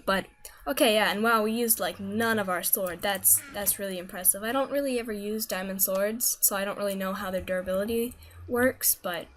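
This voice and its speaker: A woman's voice: mid-range voice, fairly quick, a bit bright, slight background noise. A woman giving casual, rambling commentary as she plays a game, often correcting herself mid-sentence. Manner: chatty, rambling, self-correcting. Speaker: gaming video host.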